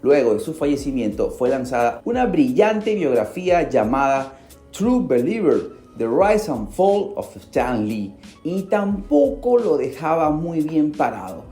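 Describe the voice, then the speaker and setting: A Peruvian man hosts a radio podcast, telling a story theatrically into a studio microphone, addressing the listener directly and swinging his pitch for emphasis. His voice is sing-song, warm and a little slow, in an echoey room with faint music behind.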